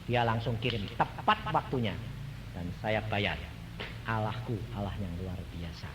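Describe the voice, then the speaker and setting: A man's voice: fairly low pitch, a little slow, noisy background. A male evangelist preaching a sermon, telling stories with playful laughing asides and quizzing the congregation. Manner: animated storytelling, quizzing the congregation.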